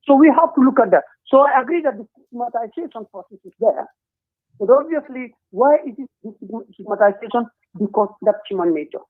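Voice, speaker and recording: Calling in on a tinny, thin phone connection, a man from Gambia speaks in a remarkably high voice with lively intonation. He's earnest and measured in a political discussion, frequently hesitating while laying out his arguments.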